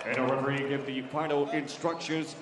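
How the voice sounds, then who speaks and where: A man working as a ring announcer at a live boxing event, giving booming, drawn-out shouted introductions. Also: level tone, noisy background. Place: large casino arena, indoors. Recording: echoey arena hall.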